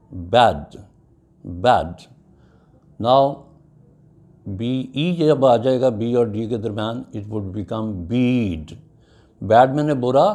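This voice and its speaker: Man, english teacher, very slow, spells out letters, repeats words. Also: mid-range voice, dark tone. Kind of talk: classroom lecture on vowel sounds.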